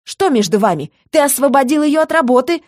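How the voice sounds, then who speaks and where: A woman doing Silva, a shrill jealous young woman. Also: lively intonation, fairly quick, no echo, clean studio sound, lightly acted. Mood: hysterical. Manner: shrill, accusing, whiny.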